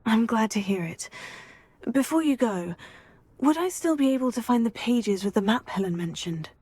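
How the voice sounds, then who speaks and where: An actress playing an earnest, composed teenage witch heroine in a video game, measured and polite. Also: fairly high pitch, lively intonation, a little mellow, slightly rough, no echo. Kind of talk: video game character acting.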